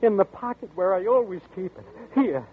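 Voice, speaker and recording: An actor plays a frightened, desperate young man, narrating and stammering nervously as narrator and lead in a 1940s radio style. His voice sits high with lively intonation at a normal speed, slightly rough and phone-quality, as if from a scratchy 1940s radio broadcast.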